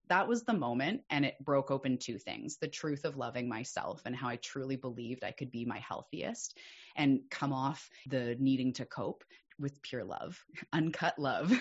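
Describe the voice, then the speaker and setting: A woman with an unusually deep, low voice shares a personal story as a podcast guest. She speaks candidly and earnestly, and her pitch leaps up when she grows excited. The recording sounds a little dull and muffled. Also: slightly rough.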